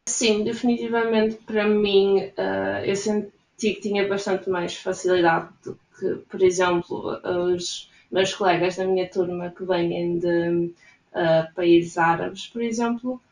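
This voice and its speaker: A young woman with a European Portuguese accent talks casually in an interview, breaking into soft laughs. Her voice sits at an ordinary middle pitch. The room around her adds a clear echo. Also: fairly even intonation, measured pace. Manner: chatty, frequent soft laughs. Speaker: interviewee, immigrant in Sweden. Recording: roomy echo.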